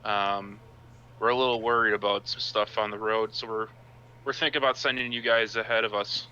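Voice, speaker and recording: A man voicing a cautious male caravan master who speaks haltingly in a tabletop game. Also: fairly low pitch, little pitch movement, sharp tone, clear, resonant tone, dull audio. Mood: worried. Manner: hesitant, halting.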